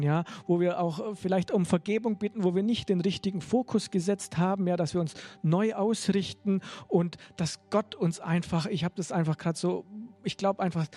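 High-voiced man preaching a casual sermon. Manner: conversational, peppered with "ja?"; rising to emphatic, excited pitch.

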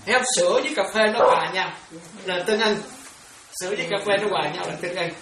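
A woman's voice: on the low side, very fast, crowd noise. Woman, monastic teacher at a dharma class; repetitive, checks understanding; distant, roomy, noisy recording. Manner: repetitive, keeps checking if students follow. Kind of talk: dharma class explaining Pali terms. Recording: echoey room from far off, ambient noise.

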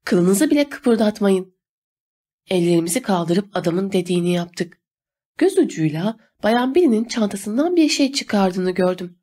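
A woman reading a novel aloud as an audiobook narrator, steady and measured. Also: mid-range voice, husky. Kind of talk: scripted narration.

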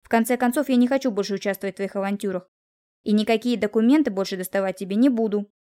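A woman's voice: mid-range voice, quick pace, warm tone, natural voice. A woman reading the part of an irritated male lawyer, cold, rude and dismissive. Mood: curt. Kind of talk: audiobook character reading.

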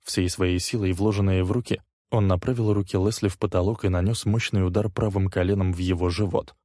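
A man reading a crime thriller aloud in steady, even scripted narration. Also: deep voice, dry recording, clean studio sound.

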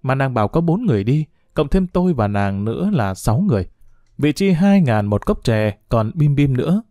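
A man tells a first-person story in a wry, self-mocking voice. His pitch is ordinary for a man. The recording is dry and close, with no room sound. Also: sing-song, normal speed, warm tone, no echo.

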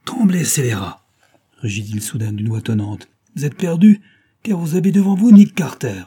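Man playing detective hero in disguise, dramatic, husky, dark, pulp storybook. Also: on the low side, animated, normal speed. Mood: defiant. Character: bold adult male detective posing as a captive. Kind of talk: audiobook character reading.

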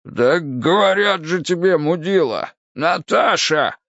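A man voicing a dazed, poisoned crook in an audiobook, who talks in a slow, slurred, whining drawl. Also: mid-range voice, gravelly, a little mellow, clean tone, no room sound, full character voice. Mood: groggy, irritated. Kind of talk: audiobook character voice. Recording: dull, dry audiobook recording.

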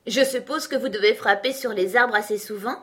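Alice, a woman doing a bright eager girl. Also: fairly high pitch, a little fast, voice pushed up, close to an everyday voice. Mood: wondering. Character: curious polite little girl, Alice.

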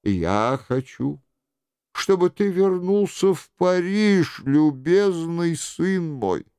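A man voicing a scheming aging queen mother, slow and pleading in a coaxing way. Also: on the high side, lively intonation, a little mellow, clean tone, no echo, clean studio sound, pitched above the performer's own voice.

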